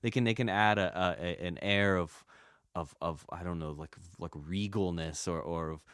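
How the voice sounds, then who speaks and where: A man's voice: low-pitched, normal speed, a bit bright, clear, resonant tone, no room sound, studio quality. An American man, a comedian guest in a casual podcast interview, telling stories in a rambling, self-mocking way. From United States. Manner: rambling, self-mocking, with frequent restarts and acted-out quotes.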